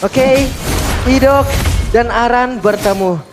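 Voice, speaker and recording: A man's voice: very high voice, slow pace. A man doing live esports commentary like a hype fighting game announcer, calling the action in long breathless runs. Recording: music running behind the voice. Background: music.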